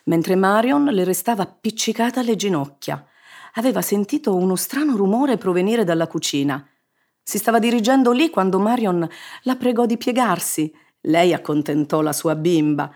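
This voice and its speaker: A woman narrating a children's story in an expressive, measured reading. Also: lowish voice. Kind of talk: scripted narration.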